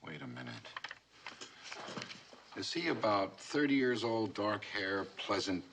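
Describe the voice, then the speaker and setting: An actor playing an impatient, brusque company executive in a 1970s TV crime drama. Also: male voice, fairly low pitch, sing-song, measured pace, noisy background.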